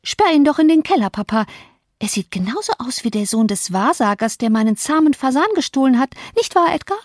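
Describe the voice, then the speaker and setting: A spoiled young girl whines with a lisp, high and shrill, played by a woman reading aloud. The sound is dry and close, with no room around it. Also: very animated, a little fast, no echo. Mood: disdainful. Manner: lisping, whiny. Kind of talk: audiobook reading.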